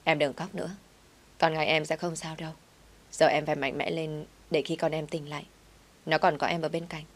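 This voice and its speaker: Brief: narrator doing a kind, wealthy woman director; low, caring, persuasive. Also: little pitch movement, brisk.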